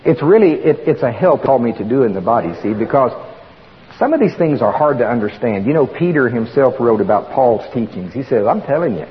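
A man's voice: mid-range voice, animated, brisk. A man with an Oklahoma accent preaches informally as a guest preacher, folksy and plain-spoken, repeating words for emphasis. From Oklahoma, United States. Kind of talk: informal sermon to a congregation. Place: church sanctuary. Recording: reverberant hall, muffled, faint noise.

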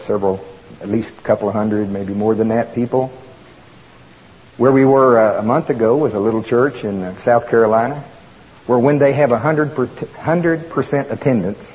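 Guy with an okie accent, oklahoma preacher, folksy sermon, big reverby church, kinda muffled. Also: fairly low pitch. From Oklahoma, United States. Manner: folksy, plain-spoken, repeats for emphasis. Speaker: guest preacher. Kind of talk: informal sermon to a congregation. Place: church sanctuary. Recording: reverberant hall, muffled, faint noise.

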